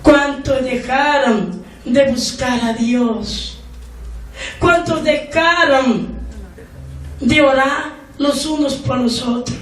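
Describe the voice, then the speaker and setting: High-voiced woman preaching slowly. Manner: slow emphatic preaching with call-and-response questions. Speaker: pastor. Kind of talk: sermon. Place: church hall. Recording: echoey church room from far off.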